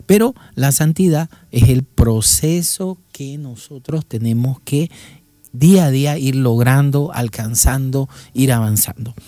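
A man speaking on a religious radio program, explaining holiness slowly and deliberately. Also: medium pitch, dark tone, dry recording.

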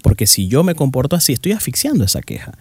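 A man's voice: mid-range voice, sing-song, fast talker, a little mellow, husky, dry recording. A man in casual conversation, who explains and acts out examples in other voices.

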